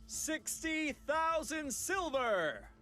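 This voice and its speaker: An actor voicing a theatrical male auctioneer at a noble banquet who announces bids in drawn-out calls. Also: sits high, very animated, a bit bright, heavily acted. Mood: announcing. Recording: game audio with music behind.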